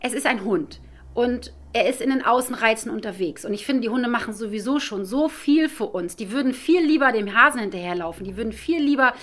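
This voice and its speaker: A woman's voice: on the high side, expressive, a little fast, a bit bright. A woman, a dog trainer from northern Germany, co-hosting a podcast and talking emphatically, often tagging her points with "ne?". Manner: emphatic, opinionated, tags lines with "ne?". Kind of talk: casual podcast chat.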